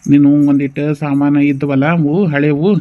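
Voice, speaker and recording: A middle-aged village father, voiced by a man in a cartoon, stern but tender as he coaxes and reassures. His voice sits fairly high and he speaks with a North Karnataka Kannada accent. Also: completely flat delivery, moderate pace, phone-quality sound. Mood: soothing. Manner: coaxing and reassuring. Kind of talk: cartoon voice acting.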